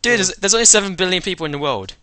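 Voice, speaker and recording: A man's voice: high voice, animated, racing, sharp tone. A young man in casual podcast chat, jumping in eagerly with his own ideas. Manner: eager, jumps in with suggestions. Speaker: podcast co-host.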